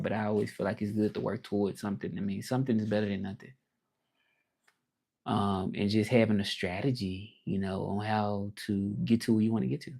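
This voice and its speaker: A man from Memphis, Tennessee, with a Southern accent hosts a livestream, talking casually and reflectively while rambling with many fillers. His voice is lowish and dark, with vocal fry.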